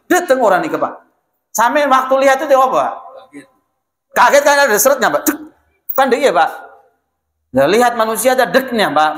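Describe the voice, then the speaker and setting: A man preaching a lively, chatty sermon in a mosque, often addressing listeners directly. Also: extremely high pitch. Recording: echoey mosque hall.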